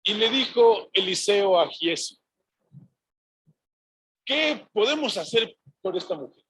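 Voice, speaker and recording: A man's voice: high voice, lively intonation, slow, a bit bright, husky, rough recording. A male pastor from Mexico preaching a sermon, often asking the congregation "yes or no?" and retelling scenes in quoted voices. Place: church sanctuary.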